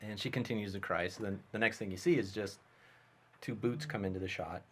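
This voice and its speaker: Low-voiced man telling a vivid story. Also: steady tone, a little fast, a bit bright, slightly rough. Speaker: guest, special effects artist and filmmaker. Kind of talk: casual storytelling.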